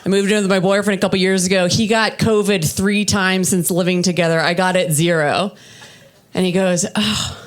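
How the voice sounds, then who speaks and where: Deadpan woman comic with a low voice. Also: fairly quick, slight background noise. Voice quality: low, husky-toned voice for a woman. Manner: deadpan, self-deprecating delivery. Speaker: stand-up comedian. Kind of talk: live stand-up set. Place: comedy festival stage.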